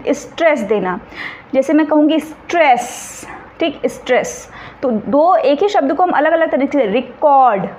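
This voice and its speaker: A woman's voice: high voice, darkish tone, slight background noise. A woman teacher giving an exam-prep lecture. She explains patiently and keeps checking whether her students follow. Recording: slightly dull recording, faint ambience.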